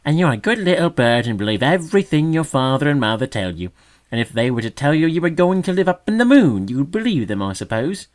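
A man's voice: medium pitch, animated, moderate pace, voice pushed up, close to an everyday voice. A man voicing a conceited older male magpie who mocks with fake solemnity, raised and pointed. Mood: mocking. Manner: sneering mock solemnity.

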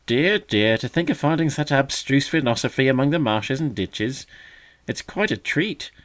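A man's voice: medium pitch, expressive, normal speed, pitched above the performer's own voice, close to an everyday voice. A man voicing a conceited older male magpie who mocks with fake solemnity, raised and pointed. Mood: mocking. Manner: sneering mock solemnity.

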